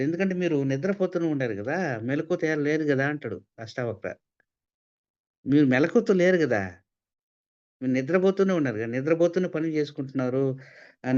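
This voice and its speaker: Man, spiritual talk, rhetorical, repetitive emphasis, mid pitch, slightly dull lo-fi recording. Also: a little mellow. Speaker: spiritual speaker.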